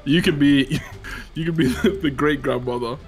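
A man's voice: fairly high pitch, normal speed, faint music behind. A man hosting a gaming video, teasing his teammate with mock-serious jokes and breaking into laughter. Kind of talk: playful gaming chat with pranks.

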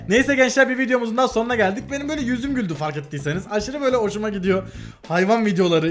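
A man's voice: high-pitched, fairly bright tone. A young man casually reacting to animal videos for his channel, giggling often and gushing over how cute they are.

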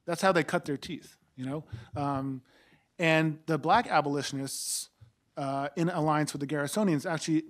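A man in his forties on an academic panel, explaining history in a lecturing way with restarts and tag questions. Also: a little high. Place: seminar room with a panel table and audience. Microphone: table mic on a stand.

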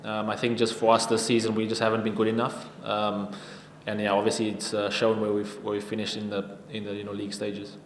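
A man in his thirties answering questions at a post-match press conference at a table mic, even-toned and halting with frequent restarts. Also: fairly low pitch, slight background noise. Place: press conference room with sponsor backdrop. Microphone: table microphone. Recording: echoey room with long reverb.

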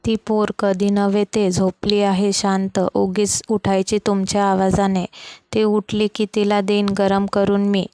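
A woman's voice: medium pitch, monotone, a little slow, dark tone, clean tone, dry recording, lightly acted. A woman voicing a caring, fussy older mother-in-law who scolds kindly, in a storybook reading. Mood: fussing kindly.

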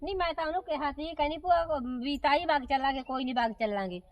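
A woman's voice: high-pitched, fast, no room sound, dull audio, lightly acted. A woman playing a soothing, chiding elder aunt. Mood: placating. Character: elder aunt-in-law, calming but sharp-tongued. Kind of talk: amateur comedy short film acting.

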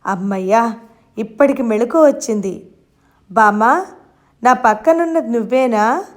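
A dazed, frightened young woman in a storybook, weak and faint, whose words come out hesitantly, as a woman narrator reads her lines. The voice is fairly high and unhurried. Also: natural voice.

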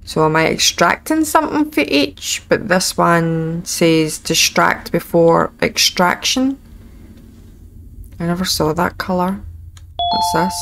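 Playing a video game on camera, this Scottish woman in her thirties keeps up casual, wry, chatty let's play commentary. Her voice sits low, with a creaky and slightly bright quality.

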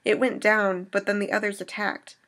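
A woman reading aloud as a shaken young woman survivor recounting an attack, in a steady storytelling manner. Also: mid-range voice, moderate pace, natural voice. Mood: grieving.

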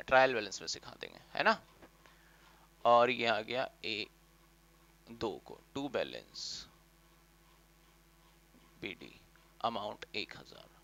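A man giving a classroom lecture on accounting, animated, asking questions and answering them himself. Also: mid-range voice, vocal fry, muffled recording. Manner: speaks as the accounts in first person. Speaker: commerce teacher.

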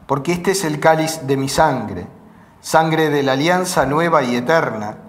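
A priest in his forties reciting the prayers of Mass in a solemn, measured way, with a lapel mic in a small chapel. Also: fairly high pitch. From Uruguay. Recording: echoey chapel.

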